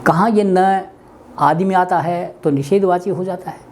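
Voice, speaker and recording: An older man from India giving a weekly webinar lesson on language, speaking deliberately and spelling out words. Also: high voice, fairly even intonation, a little mellow, a little hiss or hum. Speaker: Hindi language teacher. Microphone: webinar computer mic.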